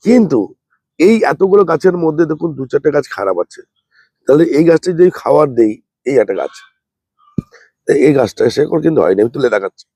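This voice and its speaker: A man, unwell, giving a slow, plain, repetitive gardening demonstration as a channel host. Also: a little high, big pitch swings, warm tone, dry recording. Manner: speaks slowly and plainly, repeating points.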